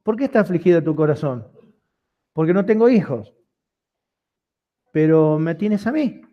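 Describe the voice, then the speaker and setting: High-voiced preacher man. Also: animated, normal speed, dull audio. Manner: preaching with rising intensity and repeated rhetorical questions. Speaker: pastor. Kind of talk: sermon.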